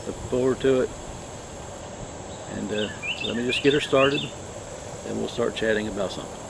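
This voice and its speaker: A man chatting casually and haltingly through a cigar review, rambling from one thought to the next. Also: vocal fry. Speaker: cigar review vlog host. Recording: noisy low-quality mic, outdoor insects and traffic.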